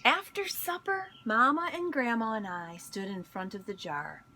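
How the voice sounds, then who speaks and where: A woman reading a picture book aloud in an expressive storytelling manner, pausing to speak to young listeners. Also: a little high, a little hiss or hum. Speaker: school instructional coach reading aloud.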